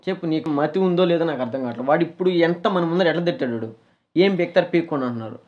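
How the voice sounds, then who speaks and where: A man's voice: a little high, very fast, lo-fi sound. A man hosting, talking firmly like an older brother, scolding and consoling. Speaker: host. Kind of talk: casual chat.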